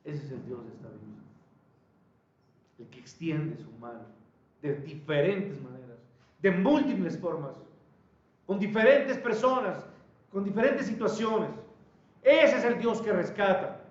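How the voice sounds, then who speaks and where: A man preaching a sermon, animated, calling out questions to his congregation. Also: sits high, unhurried, pauses often, roomy sound, highs cut off. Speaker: pastor. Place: church.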